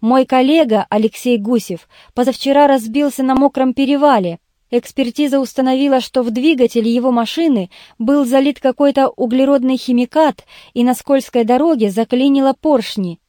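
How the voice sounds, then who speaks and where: A woman's voice: high voice, normal speed, dark tone, no echo, clean studio sound, natural voice. A woman reading the lines of a blunt male journalist questioning a suspect in an audiobook. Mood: interrogating. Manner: harsh, interrogating.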